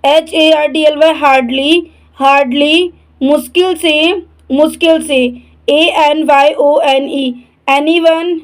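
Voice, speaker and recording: A woman teaches English words in a spelling-and-repeat drill. She spells each letter, says the word twice, then gives its translation. Her voice sits high and the pace is very slow. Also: fairly even intonation, low-quality recording.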